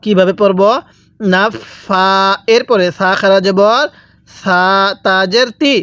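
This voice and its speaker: A man teaching Quran reading, spelling syllables out slowly and asking then answering his own questions. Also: sits high, a bit bright, clear, resonant tone, dry recording, clean studio sound. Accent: Bangladeshi Bengali. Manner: drills letter by letter, asks and answers own questions. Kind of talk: slow spelled-out recitation lesson.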